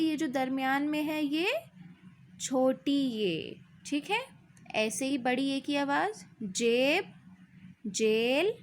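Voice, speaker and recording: Lady teacher going over letters with little kids, high voice, slow and patient, faint room hum behind. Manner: slow, patient, asks questions and answers them; spells out letters and syllables slowly. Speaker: Urdu teacher. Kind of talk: recorded revision lesson for young children.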